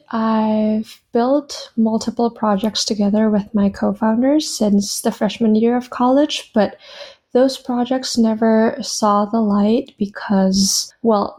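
Woman in her twenties from Indonesia, mellow tone, plain reflective delivery. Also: on the high side. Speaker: guest, startup co-founder. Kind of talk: recorded talk.

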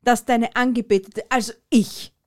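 A woman's voice: on the high side, fairly even intonation, normal speed, a little mellow. A woman co-hosting a casual comedy podcast, playful and teasing, laughing a lot. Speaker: podcast co-host.

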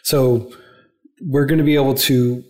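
A man's voice: mid-range voice, fairly even intonation, unhurried, a little mellow. A man on a podcast as a guest, explaining things earnestly in a casual interview, speeding up in bursts and leaning on fillers. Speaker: podcast guest, non-profit founder.

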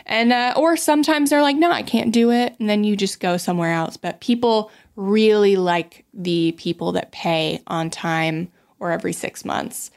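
A woman co-host with a mid-range voice walks through money tips in a relaxed chat. She fills pauses with "um" and slips into quoted dialogue as she tells her stories. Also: medium pitch. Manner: conversational, many "um"s, acts out quoted dialogue. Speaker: podcast co-host. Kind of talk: casual chat about personal finance.

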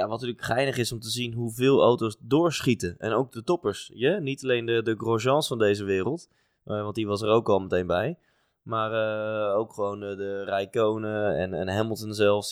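Low-voiced man in casual podcast chat. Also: clean tone, no echo, studio quality. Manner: relaxed, hesitant with many fillers. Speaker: podcast co-host. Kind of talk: casual chat about motor racing.

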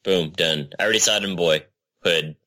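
A man co-hosting a casual podcast, joking and throwing out quick quips. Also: deep voice, bright, forceful tone. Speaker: podcast co-host.

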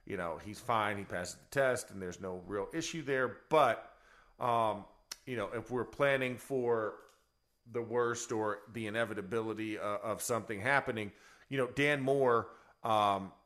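A man's voice: fairly low pitch, measured pace, fairly bright tone. A man who is a former offensive lineman, co-hosting a sports radio show in a rambling, chuckling way. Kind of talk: casual sports talk.

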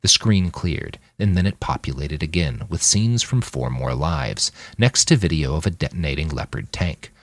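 With close, dry sound free of room echo, a low-voiced author narrates his own novel on a podcast as an audiobook would. He is dramatic and animated, his intonation swinging widely across measured, clipped phrases.

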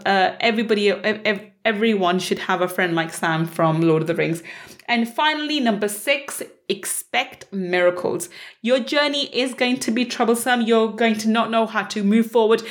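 A woman with a croaky, slightly hoarse voice, hosting a motivational podcast in an earnest, emphatic way and repeating key phrases. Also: fairly high pitch. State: croaky voice, not as clear as usual. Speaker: podcast host and mindset mentor.

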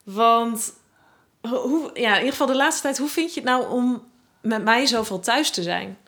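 A young woman, a podcast guest, chatting in a relaxed, easygoing way. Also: fairly high pitch, normal speed. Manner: relaxed, laughs often. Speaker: guest, host's partner. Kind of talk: casual chat.

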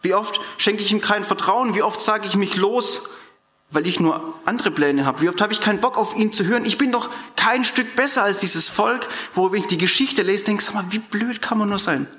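A man preaching a sermon in an animated, colloquial way, speaking directly to his congregation in a church hall. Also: high voice, moderate pace.

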